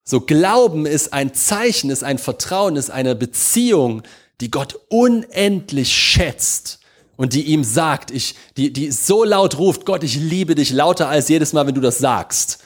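A man's voice: a little high, expressive. Man preaching with emphatic swings. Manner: emphatic, swings from loud slow proclamation to soft intimate prayer; addresses congregation with repeated questions. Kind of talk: sermon.

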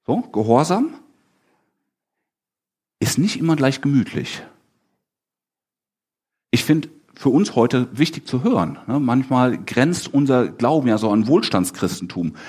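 Male preacher. Slightly husky, very animated delivery. Talks to his congregation conversationally. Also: medium pitch, unhurried, pauses often. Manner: animated, asks the congregation questions, acts out the disciples' lines. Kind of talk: lively conversational sermon.

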